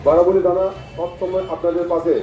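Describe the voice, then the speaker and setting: A man making a formal, measured police public announcement over an echoing loudspeaker. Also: high voice, level tone, dull audio. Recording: echoing outdoor loudspeaker, distant, some noise.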